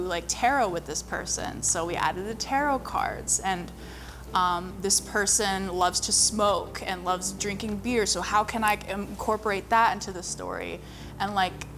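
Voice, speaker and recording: Music runs underneath as a young woman, both a singer and a model, casually recounts stories about her music. Her mid-range voice has a fairly bright tone, and "like" keeps popping up as she chats.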